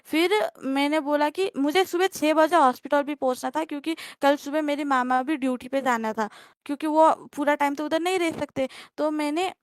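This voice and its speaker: A woman's voice: high voice, normal speed, dry recording, clean studio sound. A young woman telling her story on a livestream call, rambling and hesitant, with many fillers and restarts.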